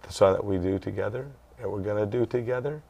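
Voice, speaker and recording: A man's voice: lowish voice, fast, vocal fry, dark tone. An older man hosting a music show interview, rambling and folksy, with many uhs and restarts. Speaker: show host. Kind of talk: casual interview.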